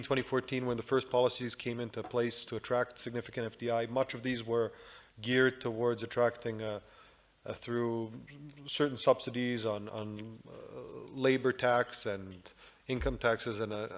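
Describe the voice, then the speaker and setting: A man giving businesslike remarks on a conference panel, pausing often on fillers. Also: medium pitch, flat delivery. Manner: businesslike, with frequent filler pauses.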